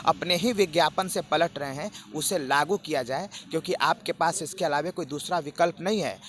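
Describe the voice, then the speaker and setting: A man, a protest spokesperson, making an earnest, measured appeal in a street interview. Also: a little high, bright, forceful tone. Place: outdoor protest sit-in. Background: crowd.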